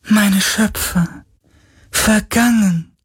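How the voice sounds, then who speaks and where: A man voicing a grieving telepathic sea spirit, a glowing sphere of slime, in a breathy, plaintive, high whisper. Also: expressive, exaggerated voice. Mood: mournful. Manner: plaintive, slow, trembling. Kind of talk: audiobook character voice.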